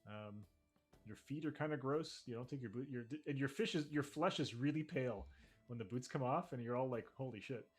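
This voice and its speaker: A man running a tabletop game, narrating casually in a halting, rambling way as he improvises. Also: medium pitch, slightly rough, soft background music. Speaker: game master.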